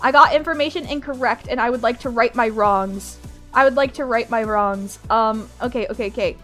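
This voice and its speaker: A woman's voice: a little high, brisk, pushed and bright, faint music behind. A young woman streamer with a groggy morning voice, chatting casually, bubbly and giggly, repeating her phrases as she greets viewers. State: groggy morning voice, just woke up. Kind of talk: casual live-stream chat.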